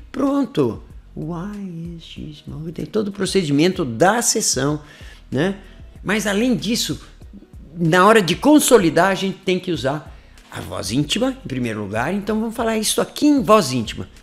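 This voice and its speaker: A man with a Brazilian Portuguese accent teaching English in an informal online lesson, animated, with frequent hushed demonstrations. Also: high voice, moderate pace, creaky, soft background music. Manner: animated and lively, often dropping into a hushed voice to demonstrate.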